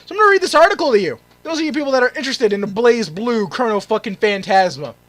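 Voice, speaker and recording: A man rants heatedly on a vlog, his voice riding high and swinging wildly up and down. He swears often and breaks into shouts when his anger spikes. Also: expressive, fast, rough recording. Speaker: gaming YouTuber. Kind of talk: angry ranting vlog.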